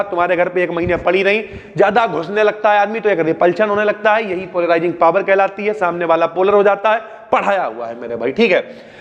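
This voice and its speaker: A man's voice: long reverb tail, lo-fi sound. A young man with a North Indian Hindi accent gives a casual exam revision lesson, calling students brother and using homely examples. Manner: chatty, addresses students as bhaiya, homely examples, drops pitch on asides. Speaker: exam-prep teacher.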